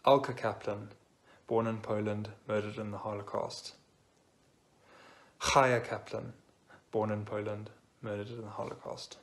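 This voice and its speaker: A young man from South Africa solemnly reading a list of names at a memorial, in a measured, even recitation. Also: lowish voice. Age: young adult. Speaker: memorial reader.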